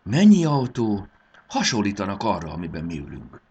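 A man reading aloud and voicing a young fairy girl who is bossy, lively and urgent. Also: low-pitched, vocal fry, breathy edge, pitched above the performer's own voice, heavily acted. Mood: puzzled.

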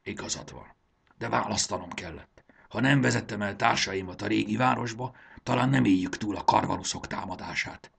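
A man's voice: on the low side, gravelly, husky, heavily acted. A man doing an earnest young gurgó. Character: earnest young male gurgó former servant. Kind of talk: audiobook character voice.

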